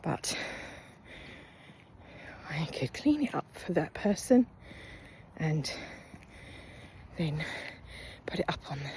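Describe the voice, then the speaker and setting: A woman's voice: sits low, sing-song, takes it slowly, long pauses, darkish tone, slight background noise. A middle-aged woman from the UK chatting as she walks uphill outdoors, slightly out of breath, thinking aloud and sometimes dropping to a half-whisper. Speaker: vlogger. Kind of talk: walking vlog chat. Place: outdoors, walking through town.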